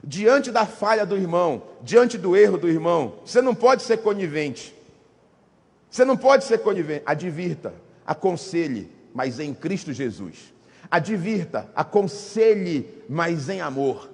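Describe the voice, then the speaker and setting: A man preaching a sermon to his congregation, building to emphatic repeated phrases and dropping into soft tender asides. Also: big pitch swings, measured pace. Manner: softens into low tender asides when voicing fatherly love. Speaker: pastor. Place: church sanctuary. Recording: husky voice with long hall reverb.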